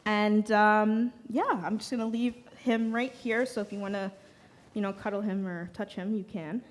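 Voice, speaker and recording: A woman's voice: medium pitch, steady tone, moderate pace, a little hiss or hum. A young woman directing children's programs, talking casually to a congregation in a chatty, hesitant way with many fillers.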